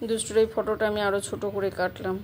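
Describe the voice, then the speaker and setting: A woman's voice: mid-range voice, flat delivery, quick pace, a crowd in the background. A woman in her thirties with a Bengali accent, chatting casually in a home vlog, rambling and coaxing her child while she cooks. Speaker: vlogger, mother. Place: home kitchen.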